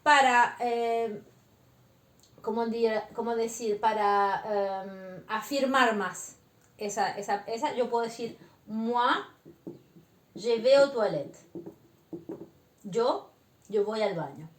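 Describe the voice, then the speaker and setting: A woman teaching beginner French, explaining slowly and patiently and often checking that her students follow. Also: on the high side, roomy sound. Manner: slow, patient explaining with frequent check-ins. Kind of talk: beginner language lesson.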